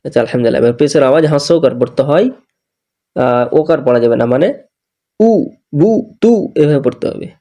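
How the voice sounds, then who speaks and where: A man's voice: mid-range voice, very fast, mellow. A man with a Bangladeshi Bengali accent teaching Quran recitation, patiently spelling out letters and syllables and repeating them. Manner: patient, repeats each syllable and corrects mistakes.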